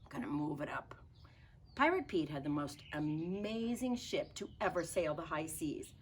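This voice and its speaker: Reading a picture book to children, a woman uses a low, expressive voice at a moderate pace, playful and full of folksy, chatty asides in informal grammar. A slight hiss or hum runs through the recording.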